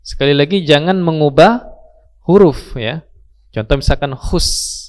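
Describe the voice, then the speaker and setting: A man teaching Quran recitation rules in a study circle, repeating each example word slowly and drawing out the sounds to demonstrate. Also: a little high, darkish tone. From Indonesia. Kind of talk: slow patient tajweed lesson with recited examples.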